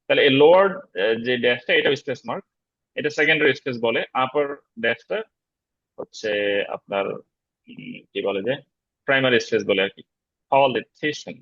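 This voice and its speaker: A man teaching an online spoken-English class in a relaxed, explanatory way, pausing often on fillers. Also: medium pitch, no room sound, lo-fi sound. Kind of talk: online lecture on pronunciation. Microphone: video call.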